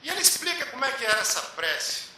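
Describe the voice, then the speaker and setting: A man tells a spiritual story in a lecture, with measured, emphatic pauses. His voice is high, very bright and lively in pitch. It rings in a very echoey hall over a faint hiss. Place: lecture hall at a public meeting.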